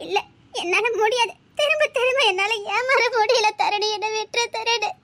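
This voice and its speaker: Actress as heartbroken young woman, Tirunelveli Tamil accent, tearful and pleading, shrill high voice. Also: moderate pace, a bit bright. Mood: hopeless. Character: heartbroken young woman set on ending her life.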